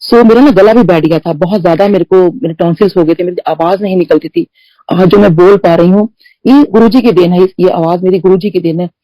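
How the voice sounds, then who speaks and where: A woman's voice: lowish voice, brisk, mellow, dry recording, low-quality recording. A middle-aged woman shares personal experiences in a chatty devotional talk, often slipping English phrases into her speech. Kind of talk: spoken testimony in a satsang.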